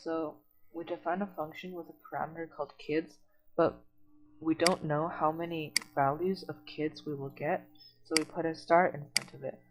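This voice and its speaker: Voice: medium pitch, steady tone, normal speed, music in the background, rough recording. A tutor in an online coding lesson who reads documentation aloud and then explains it plainly, step by step.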